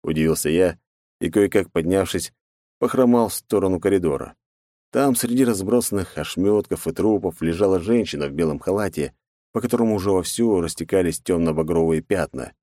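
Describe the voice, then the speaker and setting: A man reading an audiobook in an expressive, dramatic way. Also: low voice, brisk, no echo, studio quality. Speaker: audiobook narrator. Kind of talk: scripted audiobook narration.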